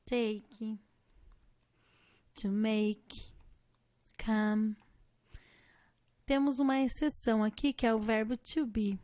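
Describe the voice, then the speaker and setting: A Brazilian woman teacher walks through a grammar lesson with a slightly high voice, taking her time over every word. She spells letters out patiently and the sound is close and dry, with no room around it. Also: fairly even intonation, slow pace, long pauses, a little mellow, dry recording. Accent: Brazilian Portuguese. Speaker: English teacher.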